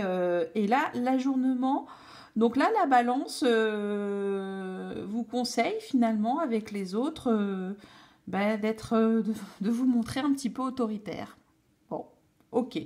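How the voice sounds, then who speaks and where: A woman's voice: mid-range voice, a little mellow. A woman giving a casual, enthusiastic tarot reading, hesitating often with fillers and restarts. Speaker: tarot reader.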